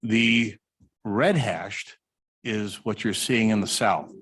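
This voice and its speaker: Male agency director, lowish voice, walks through slides with lots of uhs. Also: a bit bright, breathy edge. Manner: halting, with many uh fillers. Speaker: highway district director presenting. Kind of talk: slide presentation at a public meeting. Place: city hall meeting room.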